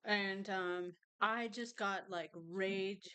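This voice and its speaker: A woman at an ordinary pitch talks casually as a tarot reader. She rambles and chats, with little asides while she eats. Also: fairly even intonation, very slow, fairly bright tone, clear, resonant tone. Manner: chatty, rambling, tastes food on camera. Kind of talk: casual chat and tarot reading.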